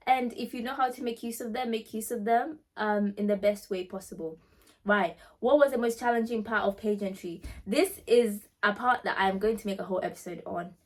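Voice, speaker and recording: A woman's voice: mid-range voice, fairly quick. A woman hosting a casual question-and-answer vlog, speaking directly to her viewers in an emphatic way and repeating phrases for stress. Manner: conversational, addresses listeners directly. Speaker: pageant winner and vlog host answering questions. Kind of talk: casual chatty Q&A talk to viewers.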